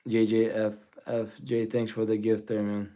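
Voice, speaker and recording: A man's voice: fairly low pitch, monotone, moderate pace, mellow, highs cut off. A man in his forties, born in Russia and raised in the US, chatting casually on a trading livestream, rambling and thanking viewers with frequent chuckles. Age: 40s.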